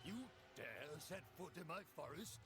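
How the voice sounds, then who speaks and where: A man's voice: fairly high pitch, big pitch swings, a little slow, loud music behind the voice, voice pushed up. A man voicing an angry male troll guarding a forest in a game story, threatening and roaring. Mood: menacing.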